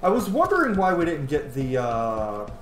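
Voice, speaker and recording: Here a man in his thirties swoops wildly in pitch from a slightly high baseline, keeping a moderate pace. He's a gaming streamer giving profane, enthusiastic let's-play commentary over roomy echo and background game ambience.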